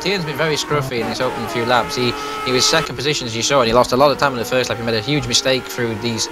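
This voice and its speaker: A man's voice: medium pitch, steady tone, very fast. A man giving live motorsport race commentary.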